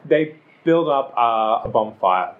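A man running a tabletop game as game master, narrating scenes and slowing into a solemn, measured delivery for formal speeches. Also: mid-range voice, expressive, phone-quality sound.

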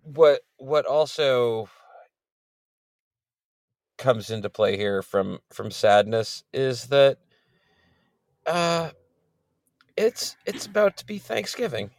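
Male podcast host, unhurried and dry-miked, jokey and a little loopy from a late night. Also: mid-range voice, animated, no echo. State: a bit loopy from staying up late. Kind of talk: casual chat.

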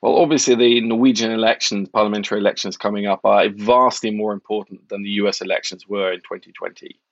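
A man from Norway who covers markets, speaking in a wry, measured, articulate way as an interview guest. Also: lowish voice, steady tone, no echo, highs cut off. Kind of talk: conversational interview.

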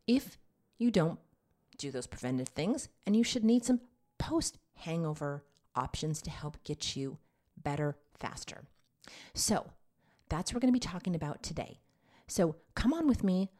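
In a fairly low, dark-toned voice, a woman who is a nurse practitioner hosts a casual health podcast. She sounds nasal and congested and chats straight to her audience, addressing them as "ladies."

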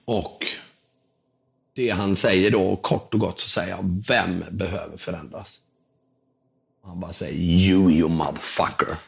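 A young man with a slightly hoarse voice, telling an animated story as a podcast guest and acting out the people in it. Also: pauses often. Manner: lively storytelling, acts out quotes with big jumps in pitch.

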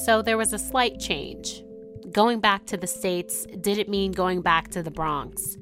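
A woman narrating a documentary story in a measured, scripted storytelling manner. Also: medium pitch, over music.

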